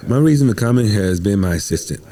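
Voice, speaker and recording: Quick and lively in intonation, a fairly low, mellow-voiced Midwestern man, a stage playwright, chats casually as a podcast guest. His interview storytelling is animated, slangy and emphatic, and he performs the dialogue he quotes.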